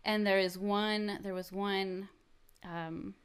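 A woman's voice: medium pitch, steady tone, slow, clear, resonant tone. A woman, a mother, co-hosting a casual podcast chat, laughing a lot and reacting with short replies. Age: adult, a mother. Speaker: podcast co-host.

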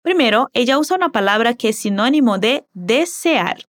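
Woman, Portuguese native, Spanish teacher, fairly high voice, careful slow drills. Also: animated. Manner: slow, careful modeling of words. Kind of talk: language lesson with repeat-after-me drills.

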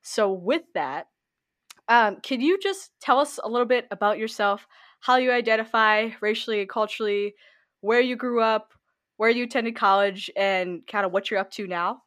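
A woman's voice: fairly high pitch, moderate pace, fairly bright tone. A young woman hosting an interview podcast, earnestly introducing the show and asking her guest questions. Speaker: podcast host.

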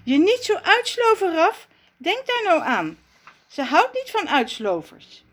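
A woman voicing a clumsy, good-natured male ape in a storybook, talking earnestly and gently to his friend. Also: very high-pitched, wildly swooping pitch, measured pace, pitched above the performer's own voice, full character voice. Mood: anxious.

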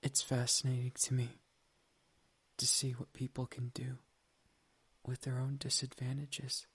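A soft, intimate whisper right up against the mic, airy and almost voiceless, with small mouth clicks in the quiet gaps. The speaker stays on a flat, level line, affectionate and gently teasing, as in an ASMR roleplay of a doting partner. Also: medium pitch, a little slow, breathy edge.

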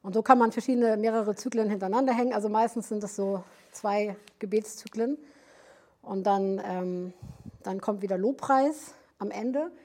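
A woman's voice: mid-range voice, moderate pace, darkish tone. A woman teaching a session at a prayer house, explaining step by step and often searching for words with fillers and restarts.

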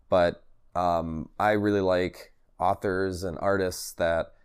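A man with a low-pitched voice talks alone as the host of a podcast filmed for video. His delivery is halting and rambling, as he circles back, repeats phrases and corrects himself. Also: clean tone. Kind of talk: solo vlog talk to camera, also a podcast. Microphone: recorded on camera for video and podcast.

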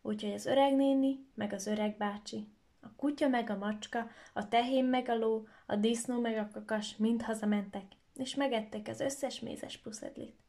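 A woman telling a children's story aloud in a lively, expressive way. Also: fairly high pitch.

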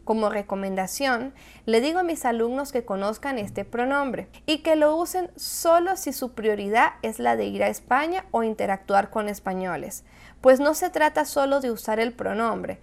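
A woman with a Latin American Spanish accent, a Spanish teacher giving a clear, explanatory video lesson who slows down for example words. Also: a little high.

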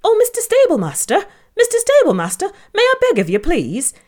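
A tiny male piglet squeaks out his pleas, pitched far above a normal voice, as a woman reads him. His tone is shrill and eager, with a sing-song swing. It feels like a storybook being read aloud. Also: huge pitch swings, brisk, darkish tone, exaggerated voice. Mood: pleading. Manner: squeaky, pleading and panicky. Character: frightened young male piglet Larry.

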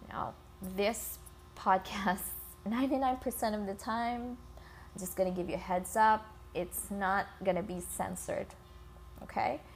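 A woman with a gravelly, creaky voice talks at an unhurried pace, like a casual podcast host addressing listeners directly. Her informal speech is captured on a phone, with light scratching noise in the background. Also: medium pitch, steady tone. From Philippines. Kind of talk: casual solo podcast intro. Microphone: iPhone.

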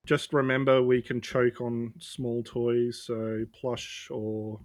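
A man co-hosts a casual podcast in a medium-pitched voice. He banters easily, teasing the others and correcting them as he goes. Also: level tone, slow. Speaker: podcast co-host.

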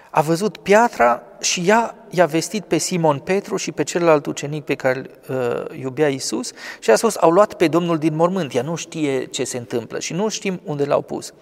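A man explaining a scripture passage in conversation, scholarly and digressive, often pausing with fillers. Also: a little high, vocal fry, long reverb tail. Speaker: theologian commenting on scripture.

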